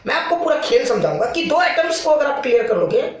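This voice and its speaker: A man's voice: very high voice, very animated, fast. A male physics teacher giving a casual classroom lecture, explaining with playful analogies and often checking that students follow. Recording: very echoey room.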